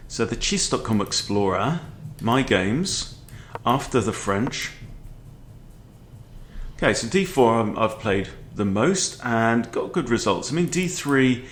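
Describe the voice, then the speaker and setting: Recorded in a book-lined room at his home, this chess video host, a man in his forties, talks through a game casually and conversationally, frequently tossing in short questions. He speaks slowly and expressively at a medium pitch. Slight background noise is audible.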